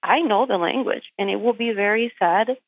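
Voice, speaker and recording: Speaking at normal speed in a mid-range voice, a Puerto Rican woman with Spanish as her first language appears as a phone interview guest; she drives trucks for a living. The recording is dry, though the line is tinny. Her delivery is direct and emphatic, full of rhetorical questions.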